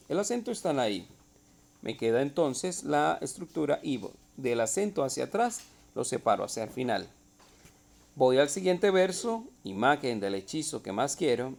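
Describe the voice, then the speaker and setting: A man's voice: mid-range voice, vocal fry, a little mellow. A male teacher explaining a literature lesson step by step, asking rhetorical questions. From Costa Rica.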